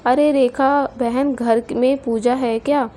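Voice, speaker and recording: A complaining middle-aged neighbor woman from a storybook, played by a woman narrator. She drags her words out in a fairly high, mellow voice. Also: little pitch movement, unhurried, close to an everyday voice. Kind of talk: storybook character voice.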